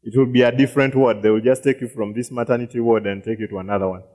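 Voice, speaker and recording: A man's voice: mid-range voice, fairly even intonation, very fast, a little mellow. A man preaching a sermon as pastor, repeating words, often checking "you get it?" and acting out quoted voices.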